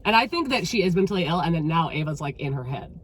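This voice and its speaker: A woman chatting casually about a novel she read, animated and swearing freely as she acts out her own reactions. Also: lowish voice, fast, slight background noise. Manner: animated, swearing, quotes herself dramatically. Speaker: book vlogger. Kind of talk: casual book chat.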